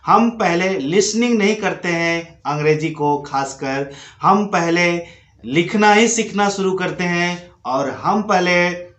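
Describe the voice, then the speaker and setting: Man, teacher, slow careful delivery, explains rules step by step, reverberant room. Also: sits high, a bit bright. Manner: explains slowly, repeating rules and reading word lists aloud. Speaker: English teacher. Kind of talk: spoken Hindi lesson on English pronunciation. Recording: echoey room.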